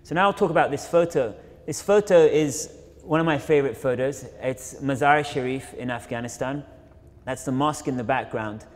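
A young man speaks in a middle-pitched voice, thinking aloud as he lectures, with frequent fillers and restarts. His words ring with the long reverb of a large university auditorium. The tone is an informal illustrated talk by a photographer. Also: normal speed. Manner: reflective, many fillers and self-corrections. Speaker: photographer and filmmaker giving a lecture.

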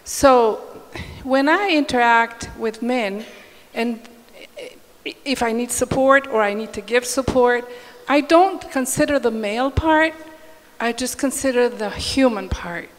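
A woman answers as a panelist on a large conference hall stage, speaking upbeat and emphatic into a handheld mic. Her voice is on the high side and a little slow, and the hall sounds reverberant.

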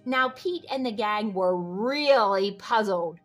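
Her mid-range voice carries lively intonation at a slow pace as she reads a picture book to children. The host adds sing-song refrains and little questions for young listeners, with soft music in the background.

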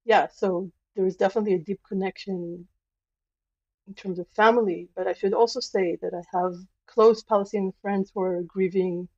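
A woman historian answering interview questions in an earnest, measured, emphatic way. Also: mid-range voice, dark tone, no room sound, lo-fi sound. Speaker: guest, historian professor.

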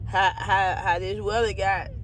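A man's voice: flat delivery, measured pace. A man, a truck driver, recording a phone video of himself as he drives, rambling casually to his viewers with lots of repeated words. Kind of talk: casual talk to viewers while driving. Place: truck cab on a highway. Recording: loud road rumble from a phone.

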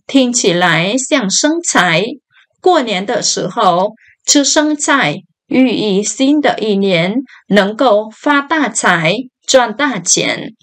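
A woman teaching a language lesson, reading each phrase slowly and then explaining it. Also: mid-range voice. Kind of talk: slow line-by-line language lesson.

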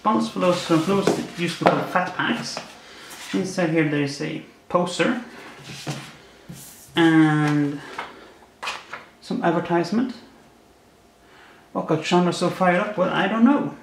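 A man with a high voice and vocal fry unboxes cards on camera, cracking wry puns about each one. He speaks a little slowly and pauses often. His words bounce around the empty new apartment, and faint noise lingers in the recording.

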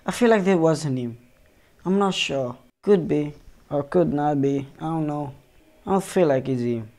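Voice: mid-range voice, unhurried, a little mellow. A music reaction streamer giving casual, profane commentary, thinking aloud and often unsure of themself.

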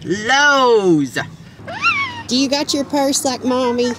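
A woman's voice: mid-range voice, very animated, moderate pace, background noise. A woman, a mother chatting casually in a family vlog and talking sweetly to her small daughter.

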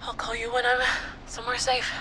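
An actress playing a frightened, determined young American woman in a video game, urgent and breathy as she leads an escape. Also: on the high side, completely flat delivery, brisk, a little hiss or hum. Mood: shaken, relieved. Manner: breathy urgent delivery, swinging from hush to shout. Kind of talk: dramatic video game acting.

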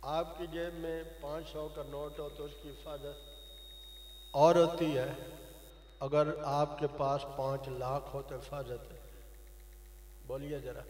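A man's voice: a little high, flat delivery, pauses often, slight background noise. An older man preaching an impassioned sermon at a mosque gathering, exhorting the crowd and calling on them to answer aloud. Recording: echoey hall over loudspeakers.

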